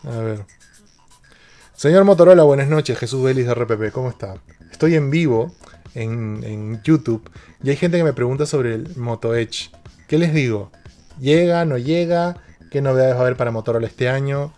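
A man's voice: medium pitch, dark tone. A man, a tech streamer chatting casually on a live stream and joking as he reads out viewer questions.

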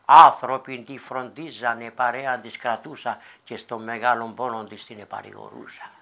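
Μια γυναίκα από τη Ρόδο με ροδίτικη προφορά αφηγείται παραδοσιακό παραμύθι με ομοιοκαταληξίες και δραματικές εναλλαγές έντασης. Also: female voice, extremely low pitch, steady tone, vocal fry, a bit bright, dull audio. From Laerma, Rhodes. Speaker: folk storyteller. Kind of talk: traditional folk tale telling.

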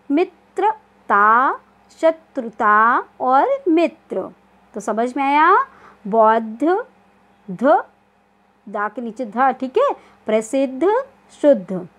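A woman teaching a primary school Hindi lesson, patient and repetitive, often checking that pupils understand and sounding out word lists slowly. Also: high voice, fairly bright tone. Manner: slow, spelled-out syllables in word lists. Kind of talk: online class lesson.

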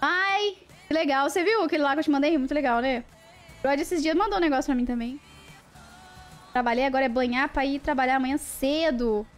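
A young woman with a high, bright-pitched voice chats playfully on a livestream, greeting viewers by name. Faint music plays quietly behind her. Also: fairly quick. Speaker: live streamer. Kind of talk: casual livestream chat with viewers.

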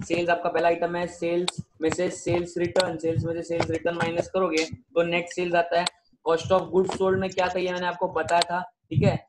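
High-voiced man teaching accounts online. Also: monotone, brisk, background noise. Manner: switches between Hindi, Marathi and English, questions students often. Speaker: commerce teacher.

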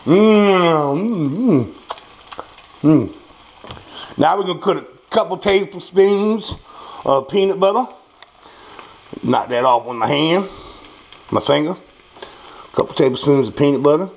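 Here a home cook with an American accent presents a recipe in a loose, improvised demo, sounding folksy and a bit foul-mouthed and saying things more than once. His voice is fairly high and a little mellow, with lively intonation, a measured pace, and long pauses. The setting is a small home kitchen at the stove, where pan and utensil clatter, frying, stirring, and clinking dishes are clearly audible.

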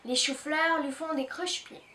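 A woman from Canada reading a children's storybook aloud in an expressive way, recorded with a roomy echo from a distant mic. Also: high voice, moderate pace, slight background noise. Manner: expressive, with small restarts. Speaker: children's book reader.

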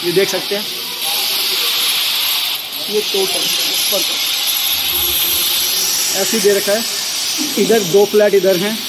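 A man's voice: high-pitched, steady tone, slow pace, pauses often, very noisy. A man in his thirties, talking casually while walking through a new apartment building and pointing things out, filmed on a handheld phone. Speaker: property vlogger. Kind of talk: casual walkthrough vlog. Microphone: handheld phone at arm's length.

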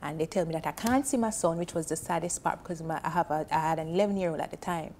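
On a TV panel, a guest in her thirties with a Jamaican accent talks quickly in a deep voice, telling a heartfelt personal story and gesturing animatedly. She sits on a sofa in an indoor studio, and her lapel mic carries slight background noise.

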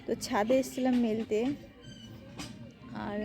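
Woman vlogger, slightly high voice, sore throat from a cold, casual running commentary on her chores. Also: level tone, unhurried, music in the background. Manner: chatty, narrating chores as she works. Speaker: home vlogger. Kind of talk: casual home vlog narration.

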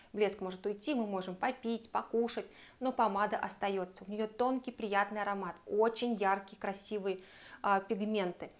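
A woman giving a chatty, enthusiastic beauty product review and speaking straight to her viewers. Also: medium pitch. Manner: chatty, enthusiastic, recommends warmly and addresses viewers directly. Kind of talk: casual product review to camera.

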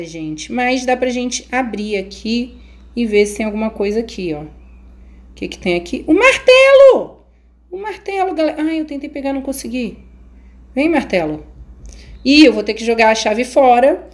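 A woman's voice: a little high, expressive, normal speed. A Brazilian woman hosting a gaming channel, giving chatty let's-play commentary straight to her viewers with frightened exclamations.

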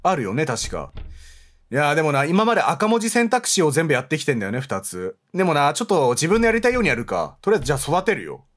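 A man's voice: on the high side, huge pitch swings, quick pace, a bit bright. Joking man playing a game. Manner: joking, self-mocking, thinking aloud. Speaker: game streamer. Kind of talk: let's play commentary.

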